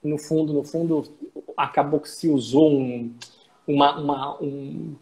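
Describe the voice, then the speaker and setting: A man with a Brazilian accent explaining legal points in conversation, pausing often with fillers as he searches for words. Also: fairly high pitch, fairly even intonation, a loud crowd. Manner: explanatory, hesitant with frequent fillers.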